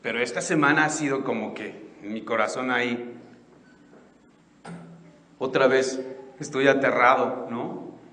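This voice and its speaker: Slow, emphatic preacher, middle-aged man. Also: mid-range voice, fairly even intonation, slight background noise. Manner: slow and emphatic, swings between soft and loud. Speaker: pastor. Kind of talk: sermon. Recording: echoey reverberant church hall.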